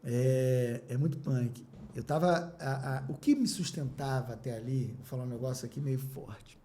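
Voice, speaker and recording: A man's voice: medium pitch, normal speed, dark tone. A middle-aged man, a business owner and podcast guest, telling a personal story with emotion, repeating phrases and acting out his own past words.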